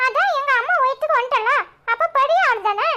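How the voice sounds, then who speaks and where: A woman's voice: very high voice, lively intonation, pushed and bright, full character voice. A woman voicing a small, talkative, cheeky boy in a cartoon, speaking Tirunelveli Tamil in a piping voice. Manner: cheeky, quick-witted, talks in a piping voice. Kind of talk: cartoon voice acting.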